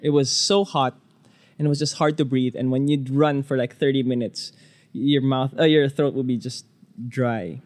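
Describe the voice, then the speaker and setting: A man's voice: mid-range voice, fairly even intonation, moderate pace, a little mellow. Easygoing man, footballer guest. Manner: easygoing, explains in detail. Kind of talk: casual interview chat.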